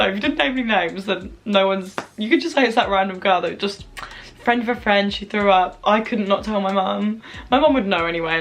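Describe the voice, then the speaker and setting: A young British woman casually hosting a reaction vlog, gleefully reading and gossiping about confessions in a chatty, expressive, giggly way. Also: mid-range voice. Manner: chatty, expressive, mildly swearing. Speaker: video host.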